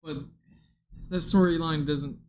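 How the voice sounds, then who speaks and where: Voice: medium pitch, fairly even intonation, a little slow. A gamer casually commentating a playthrough, rambling and losing the thread with lots of fillers. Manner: rambling, loses train of thought, many fillers. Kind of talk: casual let's-play commentary. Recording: game music playing under the voice. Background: game music.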